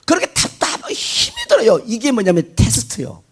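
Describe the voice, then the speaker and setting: Man, pastor, sermon, high voice, big swooping pitch, rhetorical questions to the pews. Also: brisk, breathy edge. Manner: animated preaching, constant rhetorical questions to the congregation; mimics worshippers' prayers and complaints mid-sermon.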